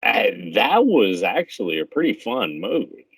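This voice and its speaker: A man with a low voice talks slowly but with a lively, swooping pitch. He gives blunt opinions in casual movie chat and laughs often. The sound is dry and close. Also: husky, no echo. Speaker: podcast guest.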